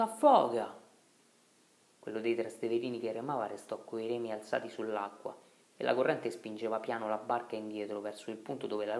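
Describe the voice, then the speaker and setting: Brief: male audiobook reader, steady literary narration, roomy sound. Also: lowish voice, creaky. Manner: measured, even storytelling.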